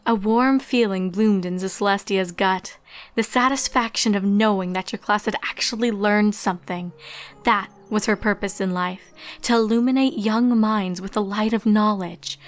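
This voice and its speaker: With music playing behind her, a woman reads a piece of fiction in a mid-pitched voice. Her delivery is scripted and expressive, at a moderate pace.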